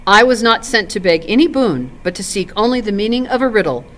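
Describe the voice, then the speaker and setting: A woman reads as a proud noble warrior from a fantasy storybook. His speech is formal and archaic, grave and doubtful, with a lively, moving pitch. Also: fairly quick, lightly acted.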